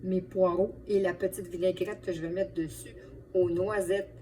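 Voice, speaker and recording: A woman's voice: on the low side, steady tone, moderate pace, dark tone. A woman with a Quebec French accent chatting to viewers as friends while giving a casual cooking demonstration as a home cook. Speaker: home cook and video host. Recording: distant mic, light background noise.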